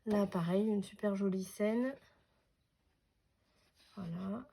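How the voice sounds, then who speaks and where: Soft-voiced woman chatting. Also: mid-range voice, slow, gravelly, a little hiss or hum. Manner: hesitant, many fillers and restarts. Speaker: craft vlogger. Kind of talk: casual unboxing chat.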